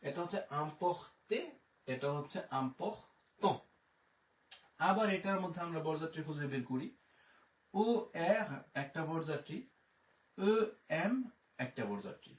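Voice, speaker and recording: A man's voice: fairly high pitch, lively intonation. Man teaching a live pronunciation lesson, patient letter-by-letter spelling, picked up from across a reverberant room. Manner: spells words out letter by letter, slow repeated pronunciations. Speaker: French teacher. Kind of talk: live online language lesson. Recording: echoey room, distant mic.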